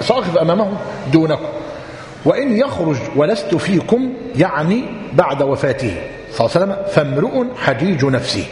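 Male religious teacher, slightly high voice, long hall reverb, repeats and quizzes. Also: a little mellow. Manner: repeats points slowly, quizzes listeners. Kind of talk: lecture explaining a text. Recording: echoey hall.

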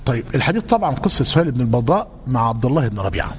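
A man's voice: mid-range voice, sing-song, rapid-fire. A man with an Egyptian Arabic accent teaching a religious lesson and answering questions, emphatic and repeating key points. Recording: reverberant hall, faint noise.

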